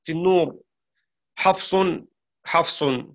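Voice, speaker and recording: A man teaches Quran recitation in a bright, somewhat high voice. He moves quickly through the rules, then slows into long, drawn-out recited verses and corrects his own slips aloud. The recording sounds dull and lo-fi. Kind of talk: tajweed lesson with recited verses.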